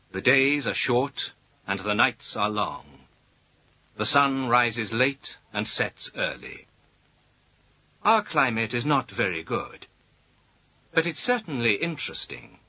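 Slow careful guy reading course lines, bright voice, lively pitch, dull old tape sound. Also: no echo. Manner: slow, careful, clearly spaced delivery. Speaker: language course speaker. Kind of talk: slow scripted course dialogue. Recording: dull lo-fi audio.

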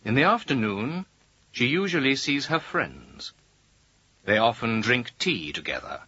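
A man speaking slowly and carefully in a scripted language-course dialogue. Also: mid-range voice, big pitch swings, sharp tone, no echo. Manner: slow, careful, clearly spaced delivery. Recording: dull lo-fi audio.

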